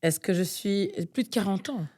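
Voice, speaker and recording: This podcast co-host is a young woman from Nigeria whose medium-pitched, darkish voice is expressive and moves at normal speed. In a casual chat built around a guessing game, she thinks out loud, leans on fillers, and gets exasperated.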